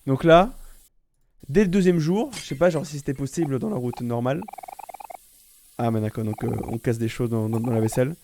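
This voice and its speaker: A man's voice: mid-range voice, brisk, long pauses, darkish tone, slight background noise. A man streaming a casual live reaction, rambling and slangy, often restarting his sentences.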